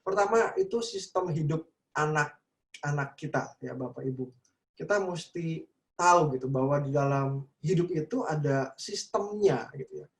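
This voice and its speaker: A man's voice: a little high, moderate pace, reverberant. A middle-aged male psychologist giving a casual online seminar talk to parents. He chats freely, tags his sentences with little check-in phrases, and acts out the voices he quotes. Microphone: video call.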